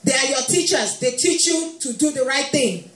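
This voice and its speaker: Woman preacher, high voice, playful, echoey church hall with faint music behind. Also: expressive, moderate pace. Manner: warm humorous preaching, playfully quoting moms, laughing. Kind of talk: sermon.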